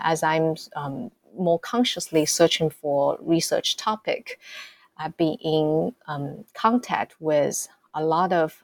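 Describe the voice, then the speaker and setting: A woman from Shanghai, answering interview questions as an academic guest, hesitant with many ums and pauses. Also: low voice, no echo. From Shanghai, China.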